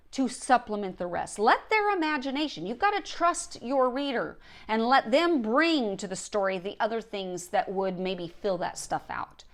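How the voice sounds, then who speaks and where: Speaking as a writing coach and show host, a woman delivers instruction directly and forcefully, repeating her main points for emphasis. Her pitch is fairly high and her tone fairly bright.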